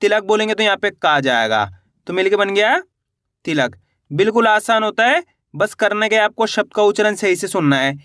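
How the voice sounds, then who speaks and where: A man teaching beginners to read and spell, sounding words out slowly syllable by syllable and quizzing his viewers with encouragement. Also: high-pitched, fairly bright tone, no room sound, clean studio sound. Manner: encouraging, addresses viewers as friends. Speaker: Hindi teacher.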